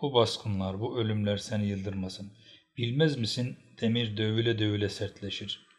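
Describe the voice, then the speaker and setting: Guy doing a calm patient chief, firm and steady, plain reading voice. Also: fairly low pitch, moderate pace, lightly acted.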